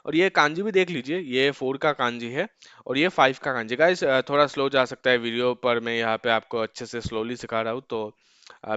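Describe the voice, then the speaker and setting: Male tutor with a clear, even voice, mid pitch, dry and slightly dull sound; talks casually and drills words slowly. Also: dry recording. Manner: repeats "ठीक है" often, slows to drill numbers. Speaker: language teacher. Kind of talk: casual spoken lesson.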